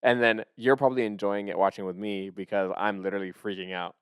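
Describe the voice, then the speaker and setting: A man co-hosting a podcast in casual chat, rambling and excitable, often trailing off and restarting. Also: lowish voice, fast, clean tone, no echo, clean studio sound. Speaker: podcast co-host.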